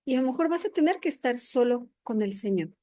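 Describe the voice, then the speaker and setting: A woman's voice: fairly high pitch, animated, a little fast, a little mellow. Earnest woman preaching with tag questions. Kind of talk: sermon-style testimony talk. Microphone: microphone.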